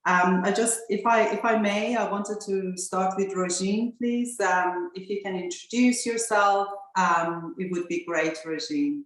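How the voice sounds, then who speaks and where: A woman's voice: mid-range voice, steady tone, unhurried, hardly any pauses. A woman moderating an online interview. She speaks politely and hesitantly, with many fillers. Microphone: video call. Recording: very echoey room.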